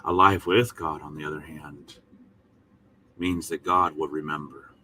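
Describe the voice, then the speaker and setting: A man teaching the Bible in a short devotional, speaking in a folksy, emphatic manner with pauses between short phrases. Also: extremely low pitch, fairly even intonation, bright, forceful tone, slight background noise.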